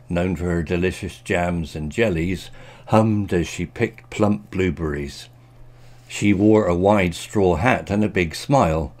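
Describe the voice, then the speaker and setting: A man narrating a children's story in a gentle, expressive storytelling manner. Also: low voice.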